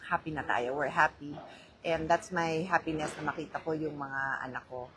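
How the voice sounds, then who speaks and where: A woman's voice: low voice, fairly even intonation, normal speed, a bit bright, slight background noise, poor audio. Chatty Filipino woman hosting a phone livestream. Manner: chatty, mixes English into Filipino, greets viewers by name. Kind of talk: casual live chat, greeting viewers. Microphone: handheld phone.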